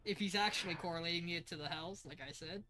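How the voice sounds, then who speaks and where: A man's voice: fairly high pitch, fast, a crowd in the background. A man playing a tabletop game, wry and skeptical of what he hears. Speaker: player.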